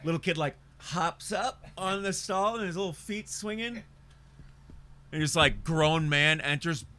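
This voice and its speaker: A male podcast co-host with a slightly high, bright and forceful voice. He needles his friend with dry, teasing wisecracks and keeps the banter moving. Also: a little slow. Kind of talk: casual chat.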